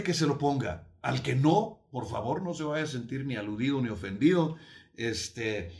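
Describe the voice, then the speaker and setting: A man preaching in a somewhat high voice. He talks in an emphatic teaching manner, repeating key phrases and drawing words out for weight, with a few light jokes along the way. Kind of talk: sermon.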